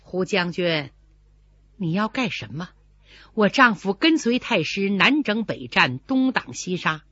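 A woman voicing a dignified noblewoman, a general's wife, who speaks in a measured, reproachful, formal way. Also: medium pitch, big pitch swings, sharp tone, no room sound, pitched below the performer's own voice, exaggerated voice. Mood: stern. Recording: dull lo-fi recording.

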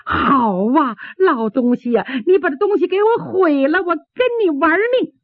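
Lady doing a sly woman fighter, pleading or shrill, pitch jumps all over, tinny radio. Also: very animated, a little slow, breathy edge, no echo, exaggerated voice. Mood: furious. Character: scheming woman fighter, timid then vengeful. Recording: tinny old radio broadcast.

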